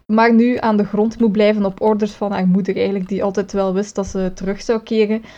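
A woman's voice: mid-range voice, flat delivery, brisk, dark tone, lo-fi sound. A woman recapping a series episode on a podcast, rambling and correcting herself with many fillers. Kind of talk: casual chat.

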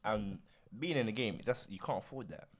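A man's voice: on the low side, expressive, normal speed, a little hiss or hum. A young man with a London roadman accent hosting a podcast in casual, slangy, streetwise banter, often checking that he is understood. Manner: streetwise, repeatedly checks in with "you feel me". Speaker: podcast host.

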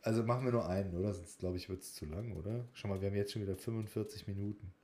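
A man with a lowish, warm, steady voice talks very fast as he co-hosts a podcast, bantering informally. He's also a student in a speech training class, and the casual chat includes a tongue-twister game.

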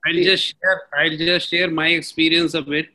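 A man's voice: a little high, level tone, moderate pace, pushed and bright, low-quality recording. A man with a North Indian accent informally explaining his work experience as a seminar participant, a little hesitantly. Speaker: seminar participant from a manufacturing company. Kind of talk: informal spoken account of experience.

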